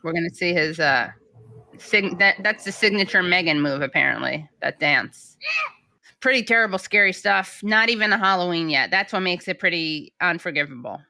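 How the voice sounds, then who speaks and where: A woman's voice: fairly low pitch, animated, normal speed, sharp tone, dry recording. A woman co-hosting a podcast, chatting casually and reading news items aloud with wry, dry humor. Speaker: podcast co-host.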